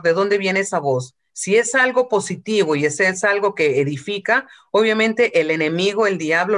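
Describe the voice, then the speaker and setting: A woman's voice: mid-range voice, fairly bright tone. A woman preaching a sermon from Peru, retelling a story and acting out quotes, with some English phrases.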